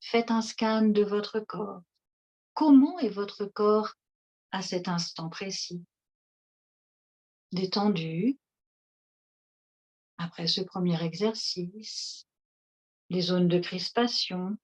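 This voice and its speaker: Slow soothing woman guiding relaxation. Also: mid-range voice, a little mellow. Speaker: relaxation guide. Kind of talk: guided seated relaxation session. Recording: dull lo-fi recording.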